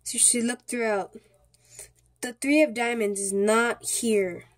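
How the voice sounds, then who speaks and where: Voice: mid-range voice, fairly even intonation, a little slow. A speaker giving a casual, step-by-step card trick tutorial in an informal, repetitive way, often checking in with the listener. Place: indoors at a small table.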